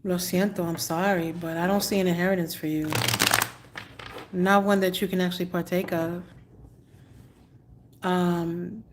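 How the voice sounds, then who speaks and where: A woman's voice: on the low side, little pitch movement, measured pace, pauses often, noisy background. A woman tarot reader on a live stream, answering viewers bluntly but apologetically and repeating her advice.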